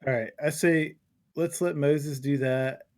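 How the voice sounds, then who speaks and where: A man's voice: a little high, fairly even intonation, measured pace, a little mellow. A man playing a tabletop game, taking charge and planning aloud. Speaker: player. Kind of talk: casual tabletop play.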